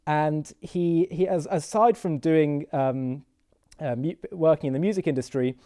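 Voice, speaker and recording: Host, male, mellow and smooth, halting delivery full of restarts. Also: on the high side. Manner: hesitant, many fillers and restarts. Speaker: interview host. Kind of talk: casual interview.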